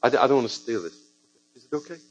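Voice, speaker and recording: A man's voice: medium pitch, racing, breathy edge, highs cut off. A man preaching a sermon to a church congregation, telling stories with joking asides. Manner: lively storytelling with joking asides.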